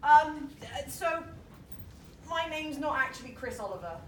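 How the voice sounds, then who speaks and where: A young woman hiding in the disguise of a male sailor, played by a woman, earnest and flustered, in a live stage farce. Her voice is high and lively. The sound is echoey and distant, with noticeable noise behind it. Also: measured pace. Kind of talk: live stage comedy acting.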